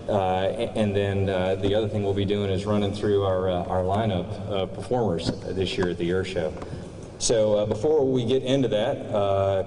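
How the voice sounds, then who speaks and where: A man giving an informal, enthusiastic, halting welcome speech as a military commander. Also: lowish voice, warm tone. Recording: echoey hall, faint background noise.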